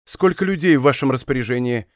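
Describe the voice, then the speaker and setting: A man reading a commanding, impatient young king in an audiobook, firing off sharp questions. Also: medium pitch, fast talker, no room sound, studio quality, natural voice. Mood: imperious. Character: angry young male king, imperious and impatient.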